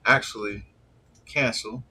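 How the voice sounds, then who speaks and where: Husky, bright and forceful, his lowish voice holds a steady tone and an unhurried pace despite an allergy-blocked nose. He's a man eating and rambling casually on a live stream, easygoing and tailing off with fillers.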